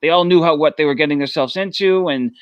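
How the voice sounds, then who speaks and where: A man's voice: on the high side, smooth, no echo. A young man with a thick Boston accent, chatting casually as a guest on a video call with plenty of fillers. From Massachusetts, USA. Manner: easygoing, halting with fillers. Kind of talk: casual chat.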